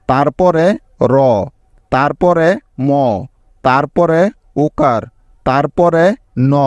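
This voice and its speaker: Male teacher, patient lesson voice, spells letter by letter, slightly high pitch, dry close-miked recording. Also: a little mellow, no echo. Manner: slow, patient, spells out letters one by one and quizzes the viewer.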